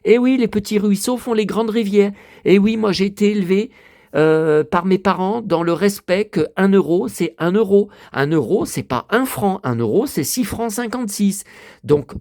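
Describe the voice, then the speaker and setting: A man's voice: high-pitched, a little mellow, dry recording, studio quality. A man in his fifties talking casually to the camera at home as a vlogger, rambling and swearing often while showing his shopping. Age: 50s. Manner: breathless from carrying heavy bottles. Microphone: handheld camera held while talking.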